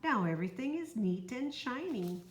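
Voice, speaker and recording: A woman's voice: on the high side, lively intonation, moderate pace, voice pushed up, lightly acted. A woman doing a fussy farmer's wife. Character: tidy, house-proud farmer's wife. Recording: roomy echo, faint noise.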